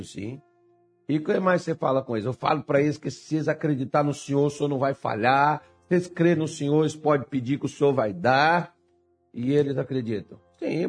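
Pastor guy preaching, kinda husky, goes from hushed to loud and punchy, soft music behind. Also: medium pitch. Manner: swings from hushed storytelling to loud emphatic preaching. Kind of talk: sermon.

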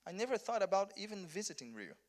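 Here a southern Brazilian pastor preaches in English at a conference, his high voice swinging widely in pitch at a quick pace. A native Portuguese speaker, he is earnest and often restarts or repeats words.

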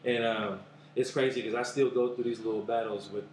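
A man with a Bay Area accent, a rapper talking casually in an interview, laid-back and rambling, often trailing off quietly. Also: mid-range voice, steady tone, brisk, roomy sound, a crowd in the background. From Oakland, California. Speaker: guest rapper.

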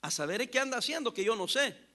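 A man preaching a sermon as pastor, telling stories with acted-out dialogue and loud emphatic bursts. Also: extremely high pitch, expressive, fast talker.

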